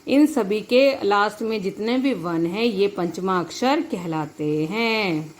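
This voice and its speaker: A woman's voice: mid-range voice, animated, slow. A woman teacher giving a grammar lesson, patient, repeating each point and checking that her students follow. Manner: addresses students as children.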